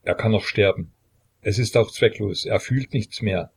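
A cautious court physician murmurs his warning in a low, husky voice, quiet and measured, as a narrator puts him on. He sounds hushed and careful in an audiobook reading.

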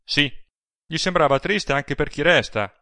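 Un uomo robusto e cupo, letto dal narratore, con voce ruvida, tesa e più forte del racconto. Parla lentamente, in una registrazione asciutta e vicina. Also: male voice, on the high side, expressive, a little slow, no echo, clean studio sound, pitched above the performer's own voice. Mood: brooding. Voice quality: rough, dark tone. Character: burly brooding man, rough and tense. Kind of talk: audiobook reading.

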